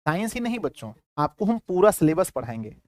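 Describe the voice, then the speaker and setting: A man's voice: high voice, sing-song, a little fast, no echo, studio quality. A man with a Bihari Hindi accent teaching a class, repeating himself and quizzing his students. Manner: repetitive, keeps quizzing students. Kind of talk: classroom lecture.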